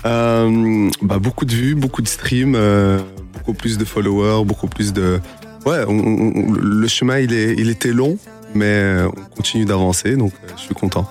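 A young man, a guest on a radio show, talking casually and relaxed, with many fillers and restarts. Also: on the low side, moderate pace, soft background music. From Italy. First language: Italian. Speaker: guest artist. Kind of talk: casual interview chat. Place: radio studio.

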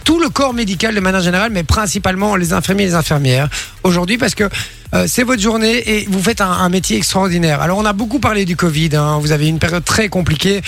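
A man with a high voice hosts a radio chat. He talks informally and effusively, in a casual conversational style. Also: fast talker, creaky, a bit bright. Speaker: radio host.

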